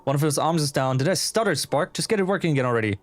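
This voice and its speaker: A man voicing a bossy, impatient female shark nurse in a game, sharp and sarcastic. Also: a little high, expressive, very fast, dry recording, natural voice. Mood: impatient, scolding.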